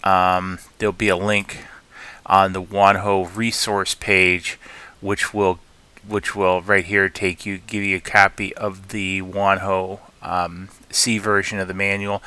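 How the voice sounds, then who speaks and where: Man, deep voice, crisp and clear, halting tutorial talk full of ums. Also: flat delivery, sharp tone. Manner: halting, many fillers and restarts. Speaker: channel host. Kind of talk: screen-recorded tutorial.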